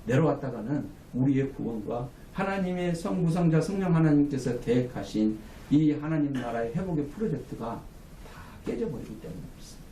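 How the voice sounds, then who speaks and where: A man's voice: fairly high pitch, animated, fairly quick, mellow, distant mic, a little hiss or hum. A man preaching a sermon as pastor, with emphatic calls for amen, recorded from afar in a small room. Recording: echoey room, mic from afar.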